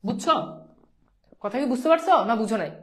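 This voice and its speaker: High-pitched lady teacher drilling pronunciation over and over, asks students questions, throws in english words. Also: lively intonation, fast talker, a little mellow. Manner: sprinkles English words into speech. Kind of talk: live online grammar lesson.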